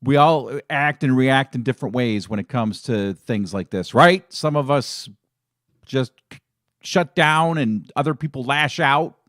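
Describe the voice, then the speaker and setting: A man's voice: mid-range voice, a little slow, a bit bright, dry recording, studio quality. A middle-aged man hosting a fan live stream, talking in a casual, emotional and rambling way with many restarts. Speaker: fan channel host.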